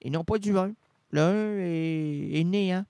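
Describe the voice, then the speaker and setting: A man's voice: high voice, a little slow, warm tone, long reverb tail. A man, rambling absurdly through an improvised comedy sketch. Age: 40s. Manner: rambling, absurd, switching between voices.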